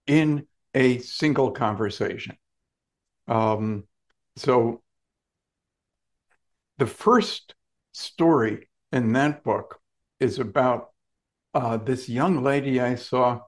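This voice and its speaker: Animated man telling a story. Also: medium pitch. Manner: animated, emphatic storyteller with blunt, salty asides. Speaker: author and interview guest. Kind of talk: conversational storytelling.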